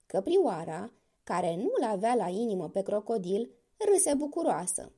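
A woman narrating a children's story with an expressive, lively reading. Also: mid-range voice.

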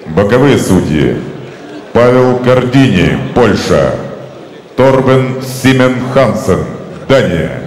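A man's voice: mid-range voice, a little mellow. A middle-aged man announcing boxing in a formal, ceremonial ringmaster manner, drawing out names into a handheld microphone. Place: indoor boxing arena, in the ring. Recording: echoey arena PA, long reverb.

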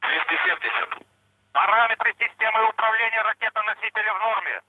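Male launch announcer, high-pitched, formal clipped mission control callouts over a phone-like radio link. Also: fairly quick, no room sound. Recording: tinny narrow phone-like radio line.

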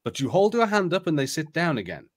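A man hosting a live stream, switching between casual chat and expressive storybook read-aloud narration. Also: on the high side, quick pace. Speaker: host of a live gamebook stream.

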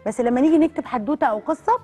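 A woman with an Egyptian accent hosting a children's TV show, telling a story in an animated, coaxing way and quizzing the kids. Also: high-pitched, racing, husky. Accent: Egyptian Arabic. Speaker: children's TV host. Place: TV studio.

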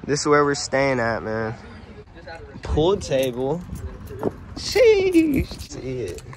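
A man's voice: medium pitch, wildly swooping pitch, takes it slowly. A man vlogging a road trip with his friends, talking in a joking, slangy, playful way from a car and a rented house. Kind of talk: casual road trip vlog. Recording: noisy car and street background.

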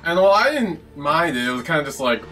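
A man's voice: a little high, big pitch swings, fast, pushed and bright, faint music behind. A young man hosting a reaction video, commenting casually. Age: young adult. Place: small indoor room.

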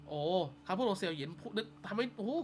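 A man's voice: sits high, lively intonation, fast, slight background noise. A man from Thailand doing casual commentary on a mobile game, chatty and filling his talk with polite little add-ons as he reads the story aloud. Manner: chatty, constantly adds polite fillers.

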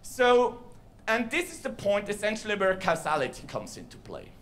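On a large, dark theater stage, a Swiss man with a high, somewhat bright voice presents at a science slam using a handheld microphone. He explains things to the live audience casually, with fillers, huge pitch swings, and a moderate pace.

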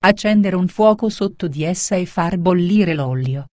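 A woman reading a storybook tale aloud at a steady pace. Her voice sits low and sounds dry and close, with no room around it. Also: normal speed, dry recording. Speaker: narrator. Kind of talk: storybook narration.

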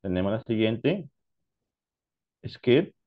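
Male English teacher from Peru, unhurried classroom explainer, dull low-fidelity recording. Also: very animated. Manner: slow, deliberate explanations mixing Spanish and English. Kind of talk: online class lesson.

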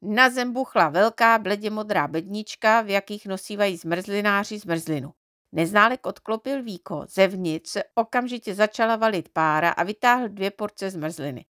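A woman reading a children's storybook aloud in an expressive, measured way. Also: medium pitch, no echo, clean studio sound. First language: Czech. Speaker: audiobook reader.

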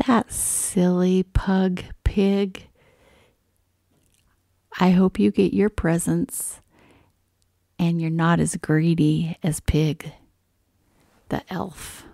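A woman hosting a children's picture-book read-aloud, gentle and expressive, often slipping into a whisper. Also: lowish voice, no echo, studio quality.

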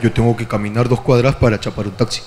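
A man voicing his stubborn friend in a low, flat, dismissive mumble. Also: fast talker, long reverb tail, very noisy, close to an everyday voice. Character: laid-back young man, a stubborn local.

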